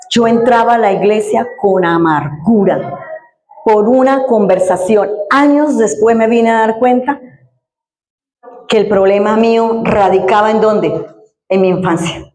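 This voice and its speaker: A woman's voice: medium pitch, darkish tone, roomy sound, rough recording. A woman pastor giving a sermon and telling an earnest personal story, acting out the people she quotes. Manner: earnest storytelling, quoting others in dialogue.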